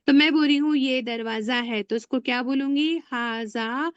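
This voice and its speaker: A woman teaching a beginner Arabic class online, drilling words slowly and asking the class to repeat after her. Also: sits high, clean tone, no echo, dull audio.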